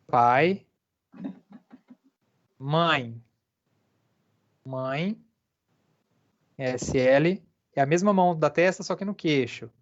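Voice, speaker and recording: An interpreter voicing a deaf lecturer live, speaking haltingly with many filler pauses. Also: mid-range voice, highs cut off.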